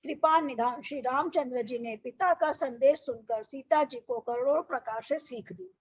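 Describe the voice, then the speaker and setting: A woman teaching a scripture study class who explains patiently, quizzes her listeners and recites verses slowly. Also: sits high, husky. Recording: dull lo-fi recording.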